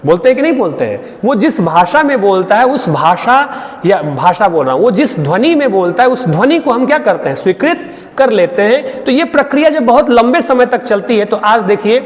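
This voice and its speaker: A teacher gives an exam-prep lecture to students. He keeps stopping to check that they follow. His high, very lively voice rings out in a long-reverb room. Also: moderate pace. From Bihar, India. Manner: explains with frequent checks and tag questions. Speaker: Hindi literature teacher.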